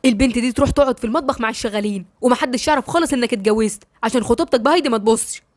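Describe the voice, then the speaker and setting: A woman's voice: fairly high pitch, racing, no echo, natural voice. Woman doing a scornful angry Egyptian mother. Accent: Egyptian Arabic. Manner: scolding, contemptuous.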